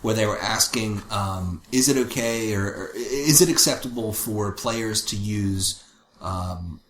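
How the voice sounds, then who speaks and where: A man's voice: on the low side, unhurried, fairly bright tone. A man co-hosting a podcast in casual chat, thinking aloud and correcting himself as he goes. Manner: thoughtful, rambling and self-correcting. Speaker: podcast co-host. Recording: roomy with faint background noise.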